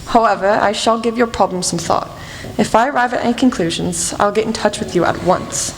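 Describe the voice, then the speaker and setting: A woman's voice: mid-range voice, natural voice. Woman playing detective Sylvia Holmes, echoey hall. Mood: courteous, inquiring. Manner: formal, measured phrasing. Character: composed, courteous, inquisitive female detective. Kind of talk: amateur radio play acting. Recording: echoey hall, faint music.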